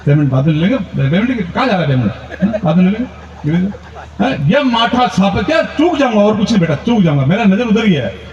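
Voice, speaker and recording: A man performing stand-up comic storytelling, animated and playing his relatives in squeals. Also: high-pitched, fast talker. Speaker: comedian poet. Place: large event stage. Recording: roomy far-off lo-fi stage recording.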